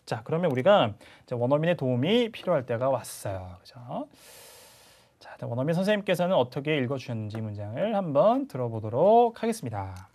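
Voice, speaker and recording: A man's voice: mid-range voice, sing-song, fairly quick, darkish tone. A male English instructor giving a video lecture on listening and word stress, chatty, often checking in with learners and sometimes exaggerating sentences to demonstrate stress. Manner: chatty teacher, frequent "자" and "그죠?" check-ins, sometimes exaggerated demo reading.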